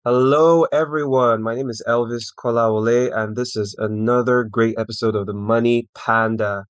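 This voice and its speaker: A man's voice: mid-range voice, fairly even intonation, normal speed, clear, resonant tone, no room sound. A man hosting a podcast, reading a scripted intro, then introducing his guest with some rambling fillers. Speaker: podcast host.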